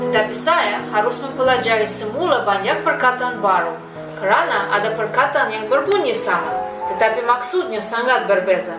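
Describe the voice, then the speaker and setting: A woman's voice: fairly high pitch, lively intonation, moderate pace. A middle-aged woman from Moscow, a native Russian speaker with a Russian accent, gives a prepared personal testimonial as a foreigner speaking fluent Indonesian-Malay. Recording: roomy, distant mic, music behind.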